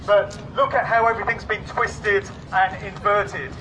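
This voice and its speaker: A man's voice: high voice, steady tone, a little slow, bright, forceful tone. A man from Oxford, giving an impassioned outdoor protest speech through a megaphone, full of rhetorical questions. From England, Oxford. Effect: speaking through a megaphone. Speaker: protest speaker. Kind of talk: rally speech. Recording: distant, muffled rally recording with crowd. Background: crowd and street noise.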